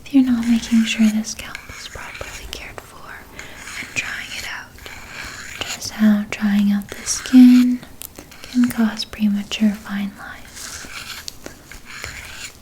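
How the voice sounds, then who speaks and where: A woman playing a gentle, caring spa hair therapist in a whispered role-play, speaking in a soft breathy whisper and reassuring her client as she explains. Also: a little high, steady tone, takes it slowly, rough recording. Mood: soothing, reassuring.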